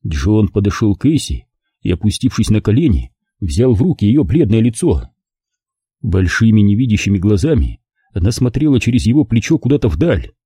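A man narrating an audiobook in an expressive, measured storytelling manner. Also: on the low side, slightly rough, dry recording, studio quality. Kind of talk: scripted narration.

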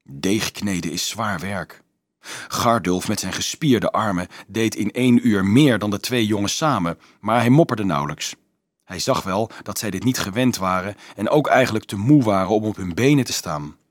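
A man reading a children's novel aloud as an audiobook narrator, in a steady storytelling manner. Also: on the low side, normal speed, dry recording, studio quality. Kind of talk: scripted narration.

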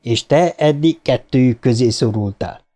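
A man reading a smug, quietly threatening middle-aged pharmacist in an audiobook, calm and self-satisfied. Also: medium pitch, natural voice.

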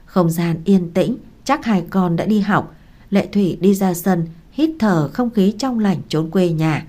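A woman narrating a story in a steady, even reading style. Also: on the low side, measured pace.

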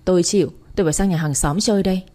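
A woman's voice: fairly low pitch, very fast, warm tone, close to an everyday voice. A woman voicing a stern middle-aged mother who scolds her grown daughter in a spoken story. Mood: scolding. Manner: scolding, commanding.

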